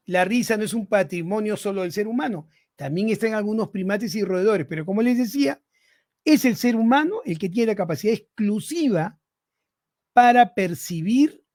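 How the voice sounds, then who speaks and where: Man, 60s, high pitch; doctor giving a podcast lecture, rhetorical, keeps checking in with the audience. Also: a little mellow. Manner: rhetorical, keeps asking listeners "¿no?". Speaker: physician podcast speaker. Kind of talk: lecture-style podcast talk to listeners.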